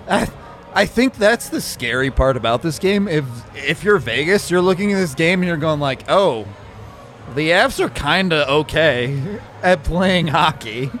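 A man's voice: on the high side, expressive, a little slow, a bit bright. A man hosting a sports podcast with a sore throat, chatting casually and laughing a lot. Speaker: podcast host.

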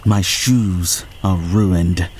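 A man's voice: low voice, steady tone, very slow, a little mellow, slight background noise. An actor playing a fussy, formal man fleeing on foot at night, speaking in precise, proper phrases. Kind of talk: audio drama acting.

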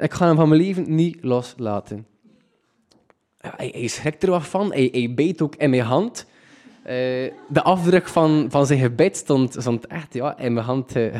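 A young Flemish man recounts a personal story in a mellow, warm voice. He talks in an excitable, lively way, tripping over his words and restarting often. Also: fairly high pitch. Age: young adult. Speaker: student telling a personal story.

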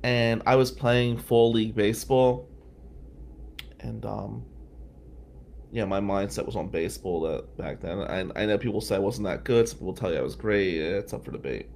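A middle-aged man from New Jersey tells a long personal story on a live stream, drifting into tangents as he goes. His voice sits fairly low and has a gravelly, fry-laden edge. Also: moderate pace, a little mellow, slight background noise. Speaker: host.

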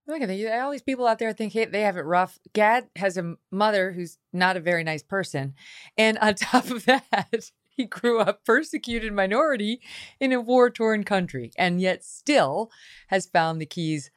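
A woman hosting an interview podcast, talking in a chatty, animated way with quick asides. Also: medium pitch, no room sound, studio quality. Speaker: podcast host. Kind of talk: casual interview chat.

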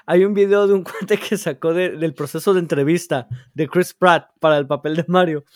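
A man's voice: a little high, steady tone, moderate pace, no room sound, studio quality. A man hosting a podcast chat, laughing often and pushing the talk along. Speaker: podcast host steering the segments. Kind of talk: casual chat.

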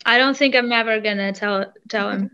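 In a casual interview, a young Armenian singer talks about writing her songs, often restarting sentences and pausing to find the right words; Armenian is her native language. Her mid-range voice is pushed, bright and smooth, steady in tone at a moderate pace, heard through lo-fi sound.

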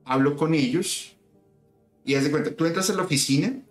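A man's voice: fairly high pitch, a little fast. A man telling a story in casual conversation, recounting events in detail and acting out the dialogue. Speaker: guest. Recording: echoey room with soft music.

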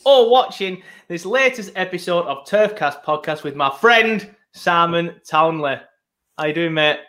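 This British man hosts a podcast, rambling through casual chat in a friendly, matey way. His voice is fairly high, expressive and a bit bright, and he speaks a little slowly.

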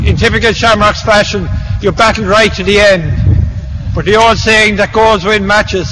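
An Irish man from Offaly, a club chairman, giving a measured formal cup presentation speech. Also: high-pitched, pushed and bright. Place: outdoor sports ground. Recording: public address echo, faint background noise.

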